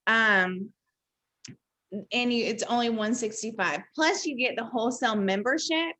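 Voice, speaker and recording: A woman's voice: on the high side, normal speed, pushed and bright, rough recording. A woman hosting a casual chat, enthusiastically explaining product kits with many fillers. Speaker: host presenting product kits.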